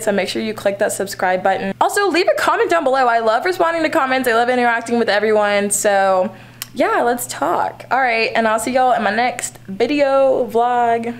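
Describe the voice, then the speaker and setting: A young woman from Alabama, chatting casually to camera in a college common room, self-deprecating and full of fillers. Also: on the high side. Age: young adult. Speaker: student vlogger. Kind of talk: casual vlog chat.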